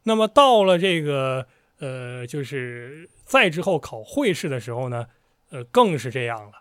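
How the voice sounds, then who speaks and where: A man's voice: mid-range voice, very animated, unhurried, no room sound, studio quality. A man hosting a casual history chat, explaining with animation and slipping into a storyteller's cadence. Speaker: podcast host explaining history.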